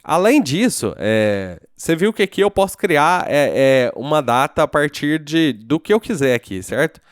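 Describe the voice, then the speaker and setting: A man's voice: a little high, sing-song, normal speed, clear, resonant tone, dry recording, clean studio sound. A man with a Brazilian Portuguese accent giving a casual programming screencast tutorial, thinking aloud and checking in with the viewer after each step. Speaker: programming teacher.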